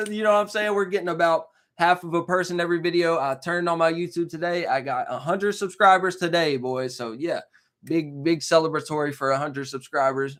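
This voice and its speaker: Twenty-something guy rambling on his live stream, slangy, loose, keeps saying you know what im saying. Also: fairly high pitch. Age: 20s. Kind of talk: casual live-stream chat.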